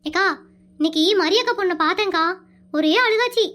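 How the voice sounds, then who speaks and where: Performer doing a very high, squeaky village woman, rapid, exclaiming, cartoon comedy. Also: pushed and bright. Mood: indignant. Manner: fast, exclaiming, keeps calling the other akka. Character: chatty village woman, caring and indignant. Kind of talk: animated comedy dialogue.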